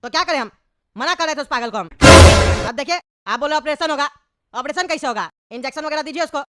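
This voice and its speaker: A woman as a fed-up, scolding dad, high animated voice, noisy track. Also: fast talker, natural voice. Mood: exasperated. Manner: scolding, exasperated. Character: scolding exasperated father. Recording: loud background noise.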